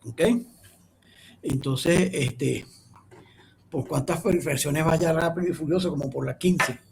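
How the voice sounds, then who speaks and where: A man's voice: a little high, slow, vocal fry, slight background noise. A middle-aged man giving an online class, rambling with many restarts and checking in with "ok?". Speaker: lecturer.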